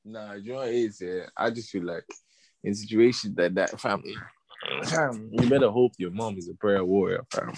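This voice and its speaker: A man's voice: on the low side, moderate pace, a little mellow. A young man with a London roadman accent, bantering casually in street slang and insisting on his points by repeating himself.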